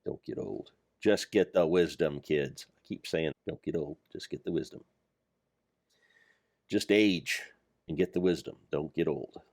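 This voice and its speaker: A man's voice: rumbling low, unhurried, darkish tone, no echo, studio quality. An older man giving rambling, self-deprecating commentary over his gameplay of a Minecraft mod pack. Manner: meandering, self-deprecating, jokey.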